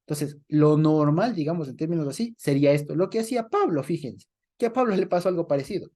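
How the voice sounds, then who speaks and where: A man with an Ecuadorian accent leads a lively Bible study and breaks into laughter as he acts out the voices in the passage. His voice sits a little high. The tone is dark and mellow. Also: quick pace. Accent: Ecuadorian Spanish. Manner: animated, laughs often, acts out voices in quotes.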